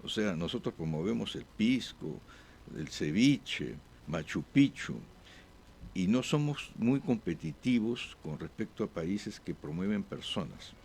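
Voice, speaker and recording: A man speaking as a diplomat guest in an interview, with halting answers full of "eh" pauses and restarts. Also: on the low side, lively intonation, creaky, a little mellow, slight background noise. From born abroad.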